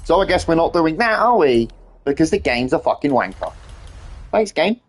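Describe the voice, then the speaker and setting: Male game streamer, husky and very animated, casual commentary full of irritated swearing and complaint. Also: on the high side, moderate pace.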